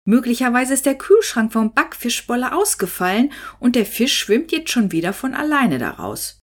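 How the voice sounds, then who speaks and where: Woman voicing a gruff old fisherman. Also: a little high, very animated, normal speed, voice pushed up. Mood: joking. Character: old limping male fisherman, gruff and joking. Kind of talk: audiobook character voice.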